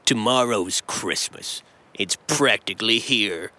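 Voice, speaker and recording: A man's voice: fairly low pitch, slow, sharp tone, full character voice. A man voicing a grumpy, scheming creature who hates Christmas, snarling and sneering his lines in a storybook reading.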